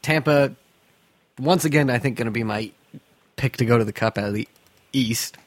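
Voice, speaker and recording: Male sports podcast host, opinionated and salty, mid-range pitch, close dry recording made in an attic. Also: moderate pace, no echo. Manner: blunt, profane, opinionated. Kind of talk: casual sports podcast chat. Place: attic of a house, recording in summer heat.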